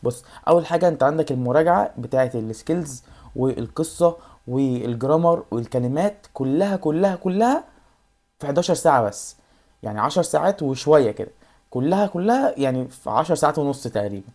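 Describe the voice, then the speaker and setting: Her voice is very deep and dark, carrying an Egyptian Arabic accent as she offers study tips for exams in a casual vlog. The YouTuber talks fast, speaks right to the viewer, and reassures them over and over.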